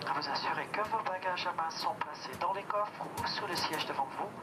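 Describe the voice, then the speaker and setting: A man's voice: a little high, fairly quick. A man making a formal in-flight announcement as cabin crew.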